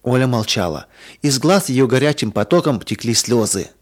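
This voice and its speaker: Man, storybook narration, calm measured reading, medium pitch.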